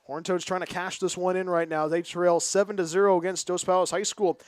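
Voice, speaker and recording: Play-by-play caller, Californian man, high voice, close dry headset sound, chatty. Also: smooth, no room sound. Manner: fast, chatty, excitable call. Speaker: play-by-play announcer. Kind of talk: play-by-play commentary.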